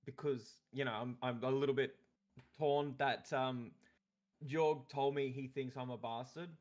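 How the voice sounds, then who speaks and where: An Australian man talks through his character's actions at a tabletop game, rambling and breaking into laughter. His voice sits at a middle pitch. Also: steady tone, unhurried, a little mellow. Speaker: player. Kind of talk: casual game chat.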